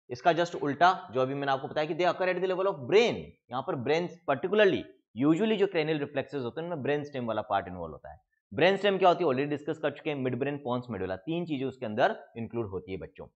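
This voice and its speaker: An Indian man teaching biology online, with lots of rise and fall in his voice as he walks through each idea step by step. He keeps asking the class questions and answering them himself. The sound is dull and lo-fi. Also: medium pitch. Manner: mixes English terms into Hindi speech, calls students kids. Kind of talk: online exam-prep lecture.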